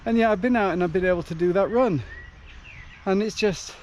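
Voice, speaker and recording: A man's voice: high-pitched, fairly quick. A man chatting casually and hesitantly to a vlog while out on a run beside country roads. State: occasional dry cough. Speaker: running vlogger. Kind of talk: casual outdoor vlog chat. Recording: noisy outdoor recording with passing traffic. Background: cars and motorbikes going by.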